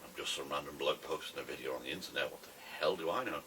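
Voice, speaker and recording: A British man with a smoker's rasp, rambling casually to camera in a wry, self-deprecating way. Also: very deep voice, quick pace, bright, forceful tone. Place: a room at home, alone. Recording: distant camera mic with faint noise.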